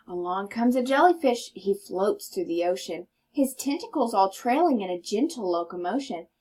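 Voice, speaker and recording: A woman's voice: medium pitch, expressive, moderate pace, a little mellow, breathy edge. A woman reading a children's story aloud and teaching as she goes, explaining words and asking questions. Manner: instructive, inviting listeners to think.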